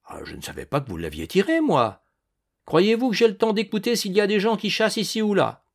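A man voicing a young male farmhand who talks slowly and turns bitter and indignant. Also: high-pitched, very animated, voice pushed up, full character voice. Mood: defiant. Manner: slow, then bitter and indignant. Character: young male farmhand, slow-spoken and defiant.

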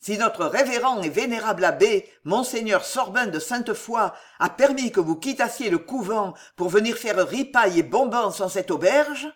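A reader voicing a sly, stern old monk who is greedy for food and wine, speaking low and commanding. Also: sing-song, unhurried. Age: older.

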